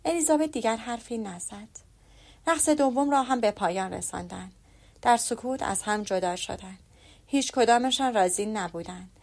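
A woman reading a classic novel aloud in a calm, measured narration. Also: fairly high pitch. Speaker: audiobook narrator. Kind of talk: scripted literary narration.

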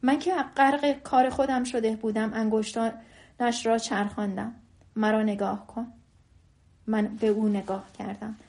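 Woman reading an audiobook calmly. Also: on the high side. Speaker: narrator.

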